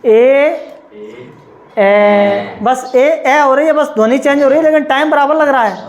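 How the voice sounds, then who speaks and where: High-voiced, emphatic male teacher. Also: fast talker, low-quality recording. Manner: emphatic, keeps asking "ठीक है?" to check with students; self-assured, insists others taught it wrong. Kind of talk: classroom lecture. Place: classroom with students.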